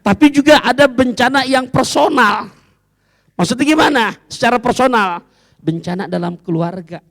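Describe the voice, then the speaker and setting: A man's voice: very high-pitched, moderate pace, gravelly, fairly bright tone. A man preaching a humorous sermon to a women's study group, joking and reciting playful rhymes. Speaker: Islamic preacher. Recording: long hall reverb.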